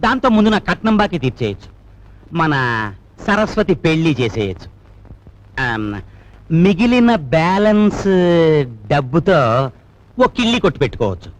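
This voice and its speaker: An actor playing a cheeky, scheming young son-in-law in a film, talking in a teasing, theatrical way. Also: male voice, high-pitched, big pitch swings, normal speed, pauses often, low-quality recording. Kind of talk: Telugu film dialogue. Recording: film soundtrack with music underneath.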